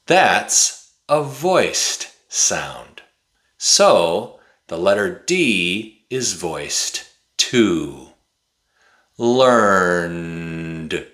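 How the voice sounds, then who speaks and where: In a small indoor room with a bookshelf, a man in his forties teaches English pronunciation to camera. He enunciates deliberately and carefully, like a teacher, in a low-sitting and slightly bright voice.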